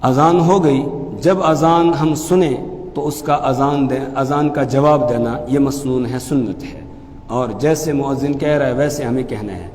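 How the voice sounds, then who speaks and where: A man teaching as a mufti, explaining pronunciation calmly and then chanting phrases slowly and loudly. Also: mid-range voice, big-room sound. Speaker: mufti teaching the call to prayer. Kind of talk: religious lesson with chanted demonstrations.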